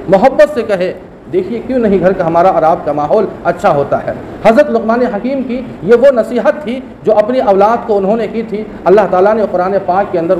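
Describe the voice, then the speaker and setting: Man, mufti preacher, Friday sermon, emphatic repetition, quick Arabic recitation, raised pitch. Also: darkish tone, a little hiss or hum. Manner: emphatic, repeats key phrases, recites Arabic verses quickly.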